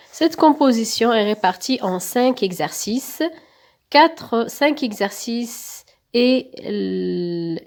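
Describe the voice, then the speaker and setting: A woman teacher, correcting a primary school exam slowly and spelling out syllables and letters, with quick asides in Arabic. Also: mid-range voice, a little mellow. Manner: switches into fast Arabic asides.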